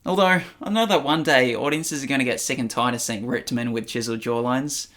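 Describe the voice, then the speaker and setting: A man's voice: medium pitch, fairly quick, fairly bright tone. A young man in a comic vlog, goofy and self-mocking, recorded on a phone in his bedroom. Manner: goofy, self-mocking, tries silly voices. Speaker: comedy video creator. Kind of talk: comic vlog and audition practice. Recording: music bed underneath.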